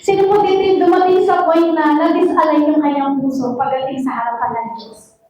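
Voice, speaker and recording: A woman's voice: high voice, steady tone, fairly quick, darkish tone, lo-fi sound, a little hiss or hum. A woman pastor giving an emotional, sing-song sermon with repeated appeals to the congregation. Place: church hall. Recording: very echoey church hall, mic far off.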